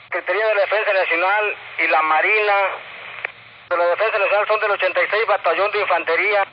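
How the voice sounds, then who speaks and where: A man dictating an incident report over a two-way radio as a police officer, haltingly and repeating phrases. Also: high-pitched, fairly even intonation. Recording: dull, noisy two-way radio transmission.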